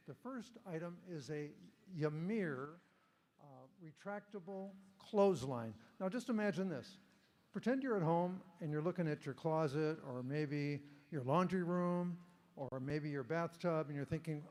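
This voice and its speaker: A man's voice: on the high side, a little mellow. A man giving a sales presentation on stage as an auction contestant. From Washington state, US.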